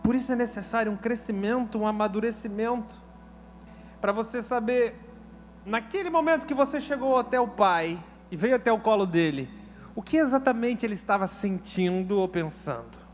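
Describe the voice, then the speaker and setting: A man's voice: high-pitched, lively intonation, moderate pace, a little hiss or hum. A male pastor with a Brazilian Portuguese accent preaching a sermon, telling a story in an emotional, casual way with slang.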